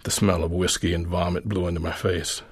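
A middle-aged man reading his own memoir essay aloud, in a quiet, measured storytelling manner. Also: deep voice, little pitch movement, husky.

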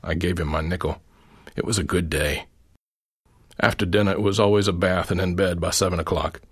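A middle-aged man reading his own memoir essay aloud, in a quiet, measured storytelling manner. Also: low voice, steady tone, breathy edge.

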